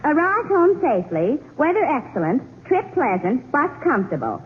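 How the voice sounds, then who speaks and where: A woman's voice: sits high, very animated, moderate pace, narrow, tinny audio, slight background noise. A woman co-starring in 1930s radio comedy, with a dry, wisecracking delivery, heard through an old AM radio broadcast. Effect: old AM radio broadcast sound. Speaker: comedy co-star.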